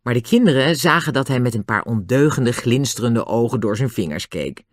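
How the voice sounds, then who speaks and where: A narrator reading a children's storybook aloud with expressive, animated narration. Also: medium pitch, brisk, no echo, clean studio sound. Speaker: audiobook narrator.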